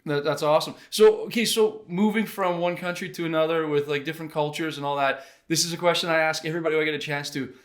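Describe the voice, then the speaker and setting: A man's voice: fairly high pitch, fairly even intonation, fast talker, few pauses. A man co-hosting a podcast, asking questions with eager, emphatic enthusiasm. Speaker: podcast co-host. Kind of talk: casual interview chat.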